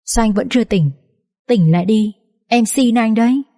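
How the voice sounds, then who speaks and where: Woman narrator voices weeping young wife pleading at a bedside, warm dark tone, choked delivery, audiobook drama. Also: fairly high pitch, moderate pace, close to an everyday voice. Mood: tearful, pleading. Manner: tearful, choked, begging.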